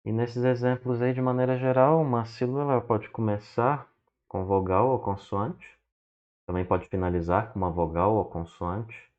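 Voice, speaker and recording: A man teaching from slides who explains slowly, checks in with "né?" and spells words out one syllable at a time. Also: fairly low pitch, steady tone. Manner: explains slowly and often adds "né?". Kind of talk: slide lesson. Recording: dull lo-fi recording.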